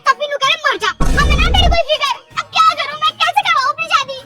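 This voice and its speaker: Comic sketch, dramatic whiny teen girl, squeaky high voice, loud music bed, from a young performer. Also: fairly even intonation, fast. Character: impatient teen girl desperate to marry. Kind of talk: comedy skit acting.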